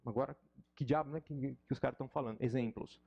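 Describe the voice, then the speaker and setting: Gravelly Brazilian teacher, joking. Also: male voice, medium pitch, fast, highs cut off. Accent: Brazilian Portuguese. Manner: animated and joking, mocks students. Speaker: English teacher. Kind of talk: informal lesson chat.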